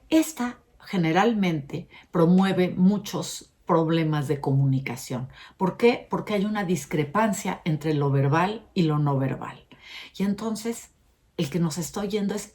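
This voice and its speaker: A woman giving an expressive educational talk, stressing points by shifting her pitch and pace. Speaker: educator presenting a short episode.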